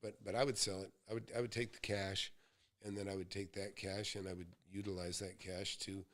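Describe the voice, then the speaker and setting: This American real estate mentor in his sixties talks fairly quickly in a low, fairly bright voice with little pitch movement. Hosting a live Q&A, he dispenses advice through folksy, meandering stories.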